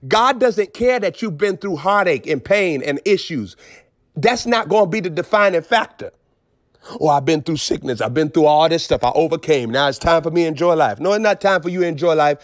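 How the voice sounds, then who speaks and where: Emphatic preaching man, higher voice. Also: expressive, a little fast, no echo, clean studio sound. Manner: emphatic, swings between low intensity and raised outbursts. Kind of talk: preaching on a phone broadcast.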